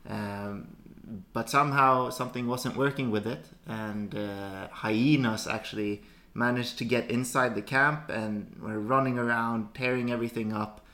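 A man's voice: medium pitch, fairly even intonation, unhurried, pushed and bright. A young man from Sweden, a podcast guest, speaking hesitantly with many fillers and short answers. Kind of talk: casual podcast chat.

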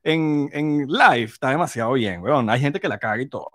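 A young man with a Venezuelan accent hosting a casual live stream, excitable and joking, swearing often. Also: mid-range voice, moderate pace, dry recording, studio quality. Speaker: host.

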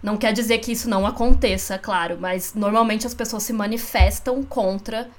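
A woman's voice: medium pitch, fairly even intonation, moderate pace. Casual Brazilian woman co-hosting a podcast. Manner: conversational, frequent tag questions. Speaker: podcast co-host.

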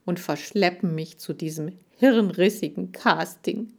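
A woman's voice: on the low side, measured pace, gravelly, a little mellow. A woman doing a whiny, vain male hamster. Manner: whining, complaining.

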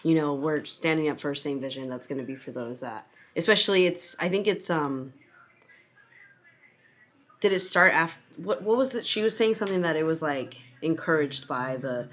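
A woman's voice: low-pitched, moderate pace, a bit bright. A young woman co-hosting a podcast in casual chat, rambling with many fillers and restarts. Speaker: podcast co-host.

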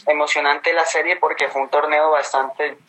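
A man's voice: fairly high pitch, flat delivery, moderate pace, bright, forceful tone, poor audio. A man from Colombia with a fairly neutral coastal Colombian accent touched by inland speech, telling his experiences casually as an interview guest. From Colombia, Caribbean coast. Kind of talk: casual conversational storytelling.

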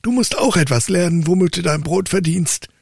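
A man's voice: high voice, moderate pace, gravelly, husky, dry recording, studio quality, voice pushed up, exaggerated voice. A man reading a fairy tale aloud, voicing a weary old father who scolds and sighs at his son, in a raised voice. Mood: reproachful. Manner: lifted, scolding and sighing.

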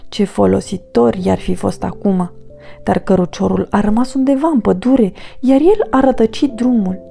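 A woman reading a children's storybook aloud in a gentle, expressive way. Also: medium pitch, vocal fry, soft background music.

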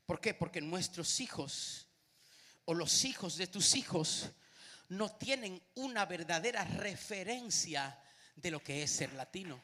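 A man preaching a live sermon, animated and speaking to the crowd with frequent questions. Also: sits high, measured pace, big-room sound.

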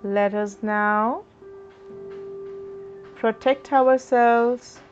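A woman talks listeners through a chakra meditation, her words unhurried and drawn out. She keeps a calm, instructive tone. The recording sounds slightly muffled, with quiet music beneath her. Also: on the high side. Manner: slow, soothing, instructive. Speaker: meditation guide. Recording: dull lo-fi recording with soft music.

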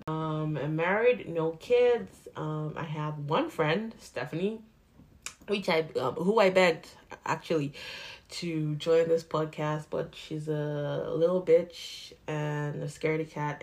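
Her voice is deep and a little mellow. This late-twenties podcast host, whose Nigerian accent mixes with Canadian, chats on her solo show in a rambling, candid way, laughing and swearing along the way.

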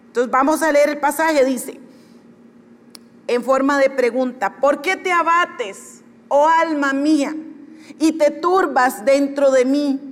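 High-voiced woman preaching in a reverberant hall. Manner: lively, acts out quoted voices of churchgoers. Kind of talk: sermon. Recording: long hall reverb with faint music.

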